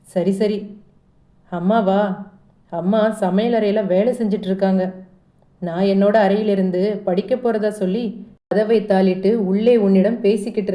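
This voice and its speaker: A woman's voice: mid-range voice, warm tone, lightly acted. A woman voicing a defensive teenage girl who pleads and protests in a told story. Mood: secretive, hushed. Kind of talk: storytelling dialogue. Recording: echoey room.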